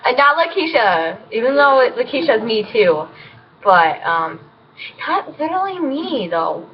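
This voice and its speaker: Giggly female vlogger with a gushing, rambling delivery, a fairly high voice, slow pace, lo-fi mic. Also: sing-song. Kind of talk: rambling casual vlog. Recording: dull lo-fi with voices behind.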